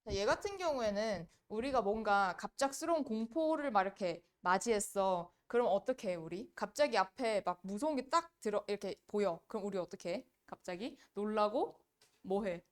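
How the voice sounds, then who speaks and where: A woman teaching an English grammar lesson, quizzing her students with quick rhetorical questions. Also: mid-range voice, animated. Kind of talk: exam-prep grammar lecture.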